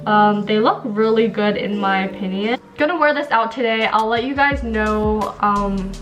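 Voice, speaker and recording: A woman's voice: medium pitch, normal speed, music in the background. A young woman from Taiwan, a beauty vlogger chatting casually to a close camera in a small bedroom, upbeat and filler-heavy.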